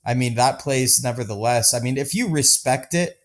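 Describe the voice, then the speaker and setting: A man's voice: mid-range voice, moderate pace. A man from Denver, a podcast guest, talking casually and enthusiastically with many restarts. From Denver, Colorado. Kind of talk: casual conversation.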